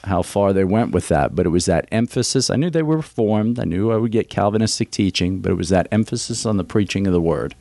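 A man's voice: low-pitched, animated, fast talker, vocal fry, few pauses, dark tone, no echo. A man graduating from seminary, answering interview questions in an earnest, plain, explanatory way.

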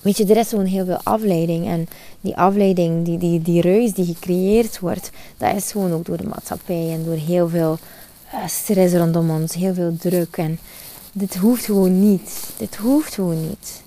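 Woman, low-pitched, mellow, earnest spiritual podcast talk, repeats phrases, many fillers. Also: fairly even intonation, normal speed. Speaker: podcast host. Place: outdoors in the sun.

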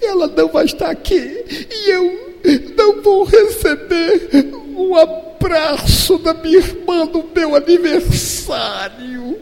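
A man's voice: takes it slowly, gravelly, darkish tone, heavily acted. A man doing a weepy little girl. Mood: tearful pleading. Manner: high, weepy, pleading child voice. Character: tearful eight-year-old girl, heartbroken and pleading. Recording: reverberant church hall.

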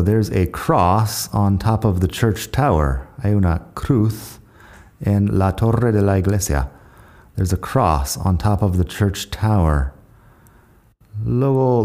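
Low dark voice, guy teaching english words slowly, american accent, repeats stuff twice. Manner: calm, slow explanations, repeats each example twice. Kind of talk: language lesson with example sentences.

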